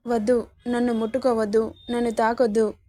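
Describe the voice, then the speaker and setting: A woman's voice: a little high, flat delivery, brisk, dark tone, dry recording, natural voice. A woman voicing a hurt, stubborn young heroine who speaks in reproachful, pleading questions.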